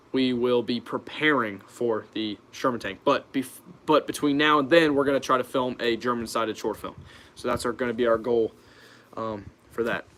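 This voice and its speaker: Speaking in a medium-pitched, fairly bright voice, a young American YouTube host runs an informal livestream Q&A. He reads the questions aloud and answers on the spot, sounding hesitant.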